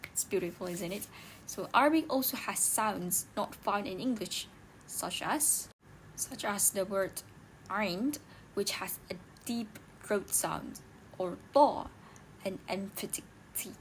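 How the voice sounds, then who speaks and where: Young woman doing a class video, lots of "like", middle pitch, bit of hiss behind. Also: unhurried, low-quality recording. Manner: casual, explains with many "like" fillers. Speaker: student presenter. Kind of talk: recorded class presentation.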